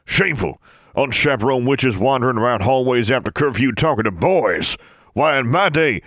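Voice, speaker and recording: A man's voice: lowish voice, lively intonation, a little fast, a bit bright, no echo, studio quality, pitched above the performer's own voice. A man voicing a fussy, pompous old male wizard in a portrait, prim and indignant, with a pinched nasal tone, in an audiobook reading. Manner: prim, indignant, prudish scolding.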